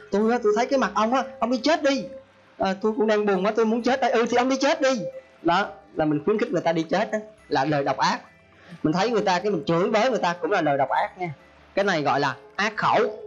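A man's voice: sits high, highs cut off. A male Buddhist monk giving a folksy sermon, often acting out the people he quotes. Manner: folksy, acts out quoted speech. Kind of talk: Dharma talk sermon.

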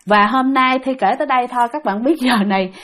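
Woman host, Southern Vietnamese accent, high voice; chatty ghost-story teller who talks straight to her listeners. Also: quick pace, a bit bright. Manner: chatty, keeps addressing listeners directly. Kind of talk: casual ghost-story telling.

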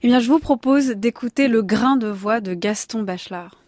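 A woman hosting a radio discussion, guiding it with clear explanations. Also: fairly high pitch, normal speed, a little mellow, no room sound, clean studio sound. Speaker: radio host.

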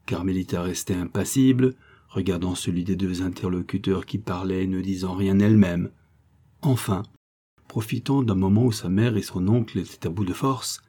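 A man reads a classic novel aloud in a steady, measured way. His voice is low and mellow, with a husky grain. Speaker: audiobook narrator. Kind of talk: scripted narration.

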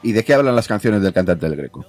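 Brief: male radio host, very low voice, brief pointed questions, faint music under. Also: big pitch swings, fast talker, darkish tone. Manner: short, direct questions.

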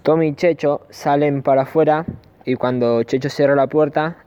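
Speaking with an Argentine Spanish accent, a man narrates a scripted amateur radio play in a slightly high, steady, dark and smooth voice at normal speed. The recording is dull and lo-fi.

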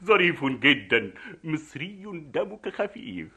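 A man's voice: a little high, sing-song, measured pace, bright, forceful tone, husky, heavily acted. A man acting a stern, bossy police soldier in a stage comedy, barking orders. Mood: suspicious. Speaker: stage actor.

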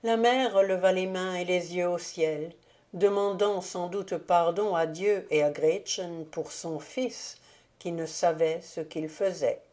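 A woman reading a classic novel aloud as an audiobook narrator, in a measured, unhurried way. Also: on the low side, a little mellow. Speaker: audiobook reader. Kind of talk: scripted narration.

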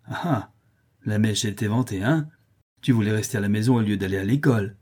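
A man reading a storybook, voicing an older aunt who scolds briskly and shrewdly. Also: lowish voice, a little mellow, breathy edge. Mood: mocking.

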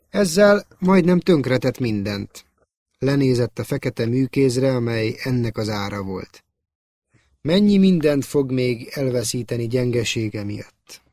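A male narrator reads a novel aloud in a measured, soft-spoken manner. His voice sits at a mid pitch, and the recording is dry and close with no room echo. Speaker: audiobook narrator. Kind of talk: scripted narration.

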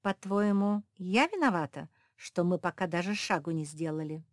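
A woman voicing the youngest little female pug, boastful and impatient, who shouts and bosses the others. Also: fairly low pitch, moderate pace, dry recording, studio quality, lightly acted. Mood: sulky. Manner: excited, bossy shouting.

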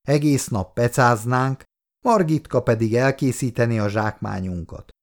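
A man's voice: mid-range voice, lightly acted. A man voicing a bossy, self-satisfied older family friend in a read-aloud story, talking in a hearty, boastful way.

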